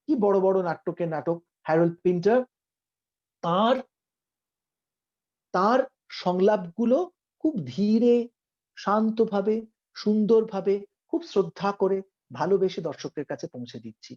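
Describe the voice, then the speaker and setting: A man's voice: sits high, measured pace, pauses often, darkish tone, muffled recording. A middle-aged man teaching a theatre workshop, explaining acting in an earnest, emphatic way and slipping into English phrases.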